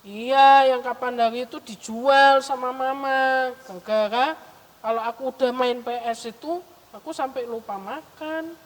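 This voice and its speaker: A woman's voice: sits high, measured pace, big-room sound, poor audio. A woman voicing a sulky young child puppet who grumbles about wanting toys. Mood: grumbling. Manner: whiny, grumbling kid voice. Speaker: puppet character.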